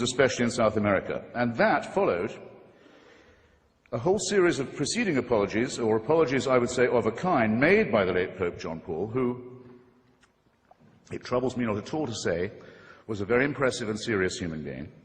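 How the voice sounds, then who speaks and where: A man giving a formal debate speech to a live audience, wry and ironic, with measured oratory and pointed asides. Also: mid-range voice, long reverb tail. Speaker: debate speaker.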